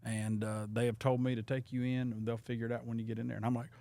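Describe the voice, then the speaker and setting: A man, a pastor hosting a podcast and excitedly retelling a story at his own expense. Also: mid-range voice, fast, creaky, no echo. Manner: self-deprecating, excitable retelling. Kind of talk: casual storytelling.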